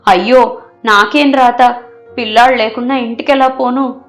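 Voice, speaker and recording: A woman's voice: medium pitch, moderate pace, faint music behind, natural voice. A woman voicing a clever young palace maid who pleads and wails dramatically in a storybook. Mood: wailing. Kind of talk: storybook character voice.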